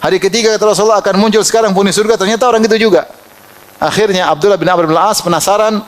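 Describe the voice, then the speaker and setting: A man preaching an Islamic sermon, telling lively personal anecdotes, chuckling often and reciting Arabic verses. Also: sits high, very fast.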